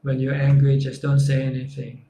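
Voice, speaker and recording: Calm monk, flat steady delivery. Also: male voice, medium pitch, moderate pace, background noise. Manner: calm, simple, plain-spoken answers. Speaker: Buddhist monk teacher. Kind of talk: live question-and-answer teaching. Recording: echoey room.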